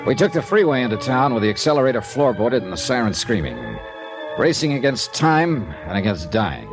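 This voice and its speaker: An actor with an American accent playing a wry, tough insurance investigator in a 1950s radio detective drama, with dry, clipped, wisecracking delivery. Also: male voice, mid-range voice, sing-song, brisk, natural voice. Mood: somber, hushed. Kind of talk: 1950s radio detective drama acting, scripted first-person narration. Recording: 1950s radio recording with music.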